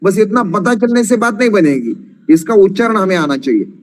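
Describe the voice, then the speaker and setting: A man teaching an online Sanskrit class, patiently explaining grammar rules and slowly chanting verses with long drawn-out vowels. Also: high-pitched, lively intonation.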